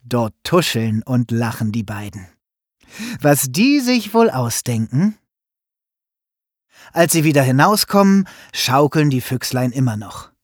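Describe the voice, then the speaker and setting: Slow, expressive male storyteller. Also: mid-range voice, no room sound, studio quality. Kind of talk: children's story narration.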